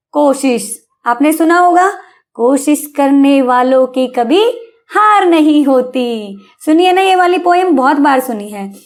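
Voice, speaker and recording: A woman teaching a Hindi exam lesson to young pupils, coaxing them along and often checking they follow. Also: high voice. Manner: coaxing, repeatedly checking understanding with "है ना?".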